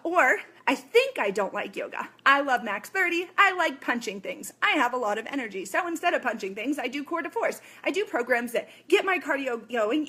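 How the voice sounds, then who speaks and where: A woman in her thirties rants to her viewers as a motivational coach, blunt and swearing, her voice high and bright. She keeps prodding them with "okay?" and "guess what?" as she tells them to take ownership. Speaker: fitness coach. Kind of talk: ranting motivational vlog.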